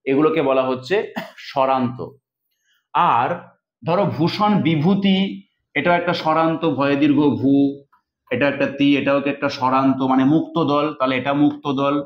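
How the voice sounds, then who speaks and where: A male teacher giving an exam-prep lesson, explaining step by step and asking and answering his own questions. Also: on the high side. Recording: echoey, dull lo-fi room sound.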